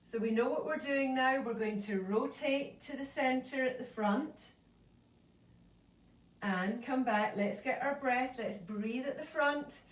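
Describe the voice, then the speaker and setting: A high-voiced woman teaches yoga, slowly and calmly cueing each breath and movement. She sounds a little out of breath. Her voice comes from across an echoey room, some distance from the mic. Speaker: yoga instructor. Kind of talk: live online yoga class instruction.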